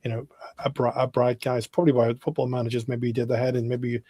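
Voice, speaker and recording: A man's voice: medium pitch, level tone, fast talker, warm tone, no echo. A man hosts a football phone-in, thanking his guest and tripping over restarts as he wraps up. The sound is close and dry, with no room behind it. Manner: stumbling restarts, thankful sign-off. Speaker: host. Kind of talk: casual phone-in chat.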